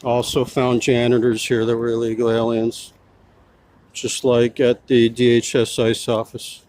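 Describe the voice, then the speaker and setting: In this confrontational vlog, a self-appointed American street reporter records himself outside, pressing people and asking the same questions again and again. His medium-pitched voice is slow, a little mellow, and completely flat.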